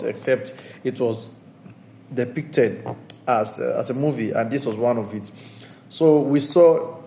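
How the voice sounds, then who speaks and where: A man's voice: mid-range voice, mellow, a little hiss or hum. Man reviewing a film, roomy sound. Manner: discursive, circling back to restate points. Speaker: movie reviewer and channel host. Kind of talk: casual spoken movie review. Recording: roomy echoey room sound.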